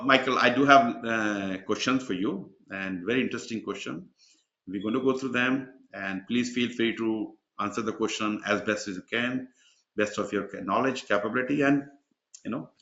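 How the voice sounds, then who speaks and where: Bright-voiced man hosting a webinar. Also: on the low side. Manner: chatty, rambling, with many fillers. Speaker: webinar host and exam mentor. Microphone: video call. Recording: dull, echoey video call audio.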